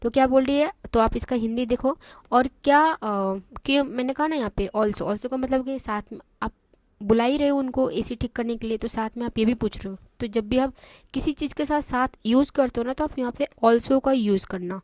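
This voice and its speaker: Slow, patient woman teaching English phrases. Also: on the high side, a little mellow, no room sound. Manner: slow, deliberate explanations, drawing out English phrases word by word; repeats and translates each phrase, checking in with "theek hai". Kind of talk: spoken English lesson.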